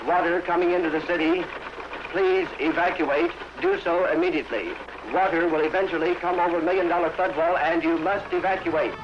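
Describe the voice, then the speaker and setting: High-pitched old newsreel emergency announcer, male. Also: fairly even intonation, fairly quick. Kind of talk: urgent public warning in an old 1930s newsreel. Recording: noisy 1930s radio-style archive recording.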